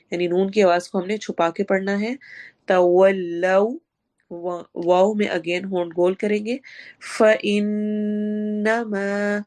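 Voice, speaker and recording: A woman with a slightly sore, hoarse throat teaching Quran recitation rules in an online class, explaining sounds step by step, asking her students questions and dropping English words into her speech. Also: mid-range voice, a little mellow.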